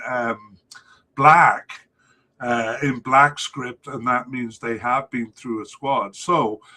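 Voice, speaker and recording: A man's voice: medium pitch, pushed and bright. A man hosting a solo soccer preview podcast, talking through squad lists with many hesitations and filler sounds. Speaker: podcast host.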